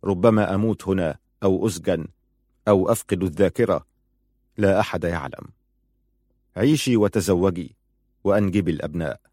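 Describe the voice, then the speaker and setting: A man's voice: sits low, brisk, long pauses, a little mellow, dry recording, studio quality. A man voicing a young soldier who speaks in a firm, decisive way, then patiently and tenderly.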